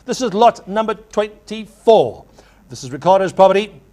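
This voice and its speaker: Give me a male auctioneer with a high-pitched voice. He runs a live property auction, addressing bidders formally and repeating figures as he calls for offers. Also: lively intonation, a little mellow. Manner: repeats figures in rapid chant when taking bids.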